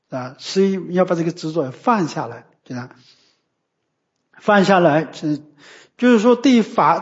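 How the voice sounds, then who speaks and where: A man with a high voice gives a Buddhist dharma talk, teaching in a didactic, emphatic way and ending his points with short tag questions. The recording is muffled and lo-fi.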